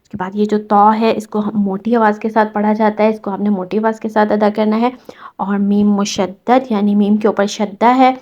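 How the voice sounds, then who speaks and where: Woman calmly teaching tajweed, flat voice. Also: medium pitch, highs cut off. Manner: patient, step-by-step explaining with slow drawn-out recitation. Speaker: Quran recitation teacher. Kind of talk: tajweed lesson explaining rules.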